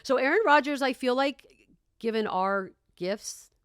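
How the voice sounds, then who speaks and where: A woman's voice: high-pitched, unhurried, clear, resonant tone, no echo, studio quality. A woman hosting a podcast in casual chat, with a wry, self-deprecating way of talking. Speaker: podcast host.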